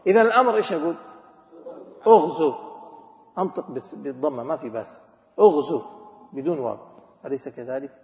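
A man's voice: medium pitch, big pitch swings, racing. Man, grammar teacher, quizzes the class, long hall reverb, muffled lo-fi sound. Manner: drills students with questions and examples; mixes formal Arabic with colloquial speech. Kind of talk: classroom lecture on a grammar text. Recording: echoey hall, dull lo-fi recording.

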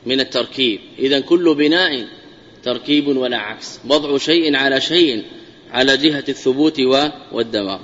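A man giving a classical Arabic grammar lesson as a sheikh, speaking deliberately and repeating key phrases to drive definitions home. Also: medium pitch, a bit bright. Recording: muffled lo-fi lecture audio with long hall reverb.

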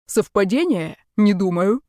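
A woman's voice: medium pitch, animated, unhurried, a little mellow, dry recording, studio quality, close to an everyday voice. A woman voicing a hot-headed young male basketball player who snaps back defensively. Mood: mocking. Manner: snapping, defensive.

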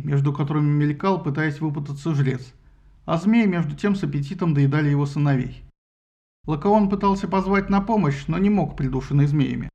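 A man narrating an audiobook with a lively, ironic storytelling manner. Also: a little high, lo-fi sound.

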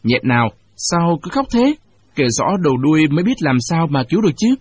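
A man voicing a brave, protective young male cricket who speaks firmly, with a husky voice. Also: a little high, lively intonation, fairly quick, dry recording. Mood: impatient. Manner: firm, commanding. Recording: dull lo-fi recording.

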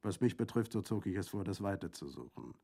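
A cool-headed bandit recounts his tale with dry, ironic calm, as a male reader plays him. He is unhurried and wry. It is an audiobook reading. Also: low voice, creaky, full character voice. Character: cool, witty middle-aged male bandit.

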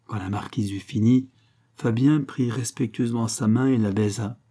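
A man reading a nineteenth-century novel aloud as an audiobook narrator, in a measured, expressive way. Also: mid-range voice.

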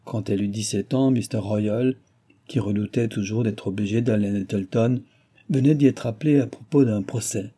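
A man narrates a novel in a steady, measured reading. His voice is low, very dark and somewhat husky. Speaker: audiobook narrator.

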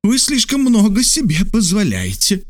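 A man voicing an excitable, absent-minded French geographer who exclaims and over-enunciates. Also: sits high, dry recording, studio quality, voice pushed up. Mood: indignant. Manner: exclaiming, over-enunciating, quick to take offence. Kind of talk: audiobook character voice.

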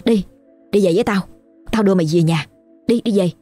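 A woman's voice: mid-range voice, a little fast, dark tone, soft background music, natural voice. A woman voicing a frightened young boy calling out urgently to his friend. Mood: frantic.

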